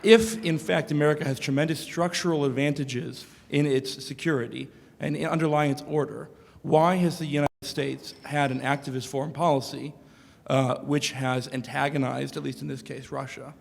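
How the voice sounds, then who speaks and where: Male audience member, hoarse and gravelly, halting question, reverberant hall. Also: medium pitch, steady tone. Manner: halting, many filler sounds. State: losing his voice. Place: lecture hall.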